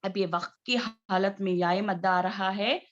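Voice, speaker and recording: Slow, patient woman teaching recitation. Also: mid-range voice, steady tone, muffled recording. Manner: patient, repeats words slowly as examples. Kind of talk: online class teaching.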